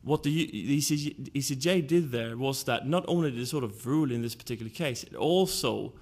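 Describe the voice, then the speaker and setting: At a panel, a Swedish man argues his case point by point in order, with a Swedish accent and a measured, deliberate delivery. His voice is of middling pitch for a man, with a darkish tone.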